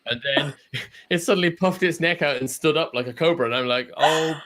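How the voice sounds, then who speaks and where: A man's voice: on the high side, fairly quick, pushed and bright. A man from England in a casual chat, talking with many restarts and frequent laughs. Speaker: podcast host. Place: at home in China.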